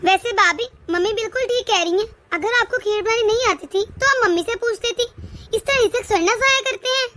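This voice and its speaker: Woman doing a bratty cartoon daughter, taunting and whiny, really high bright voice. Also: brisk. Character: spoiled taunting young married daughter. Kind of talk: cartoon voice acting.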